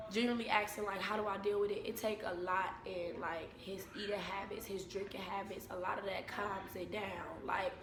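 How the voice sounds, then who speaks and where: Young adult woman, American accent, casual chat to camera, unhurried storytelling, echoey room, clear background noise. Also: medium pitch. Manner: informal, unhurried storytelling with repeated phrases. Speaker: vlogger and mother. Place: indoors at home.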